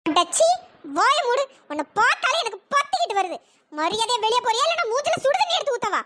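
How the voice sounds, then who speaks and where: A cartoon voice performer playing a furious middle-aged mother-in-law who shouts insults, with the voice pitch-shifted. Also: big pitch swings, fairly quick, noisy background. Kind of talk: cartoon voice acting.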